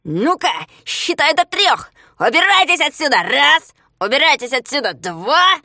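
A woman voicing an angry male police commander who yells threats. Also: high-pitched, big pitch swings, unhurried, no room sound, studio quality, pitched above the performer's own voice, exaggerated voice. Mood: yelling. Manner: shouting, shrieking threats.

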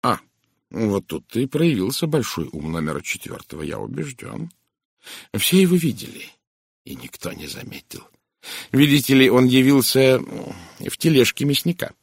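A man reading an audiobook voicing a shrewd, precise detective who speaks soft and measured. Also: mid-range voice, big pitch swings, creaky, slightly rough, no room sound, studio quality, pitched above the performer's own voice, full character voice. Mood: knowing. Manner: soft, measured, hushed and knowing.

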